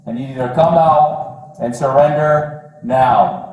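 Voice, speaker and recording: Man, police officer, slow firm commands, heavy echo, far from the mic. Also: mid-range voice, darkish tone, slight background noise. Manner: commanding, slow, repetitive orders. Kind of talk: loudspeaker commands to a suspect. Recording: echoey and distant.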